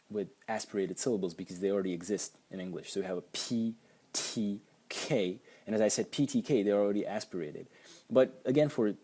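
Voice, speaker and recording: Explaining sounds in a relaxed language lesson, this young Slovak-accented teacher speaks in a lowish, mellow voice. Slovak is his native language, and his delivery is halting, full of ums and restarts.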